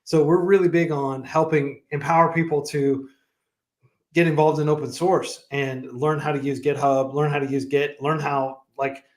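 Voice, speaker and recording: A man with a fairly high but darkish voice speaks at a moderate pace with flat delivery. He's the founder of a coding nonprofit appearing as a livestream guest, chatty and casual, full of fillers and restarts and laughing often. The room sounds echoey.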